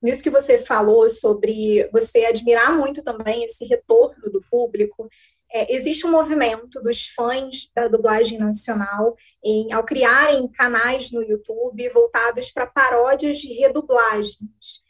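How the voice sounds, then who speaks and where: Breathy woman interviewer. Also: on the high side, steady tone, a little slow. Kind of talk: interview questions.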